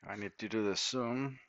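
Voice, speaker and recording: A man with a lowish, gravelly, somewhat bright voice mutters to himself in a Costa Rican Spanish accent while fixing electronics at his indoor bench. He's from Costa Rica, a native Spanish speaker, talking informally as he works. The recording is dry, captured through an action camera mic with dull, lo-fi quality.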